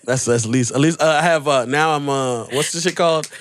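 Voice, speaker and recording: A man's voice: fairly high pitch, brisk, slight background noise. A man from East Africa, a stand-up comedian guesting on a podcast, telling stories with lots of laughter and swearing. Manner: animated, laughing, swearing storyteller. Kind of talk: casual podcast chat.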